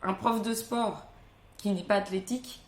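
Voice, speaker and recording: A woman's voice: medium pitch, fairly even intonation, normal speed. A woman hosting a casual podcast interview, chatty and thinking aloud with many fillers. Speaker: podcast host. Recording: roomy room sound.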